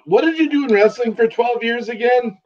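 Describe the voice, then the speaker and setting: A man hosting a live stream, chatting casually and quick to laugh and exclaim. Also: very high-pitched, dull audio. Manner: easily amused, exclaims often. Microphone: video call.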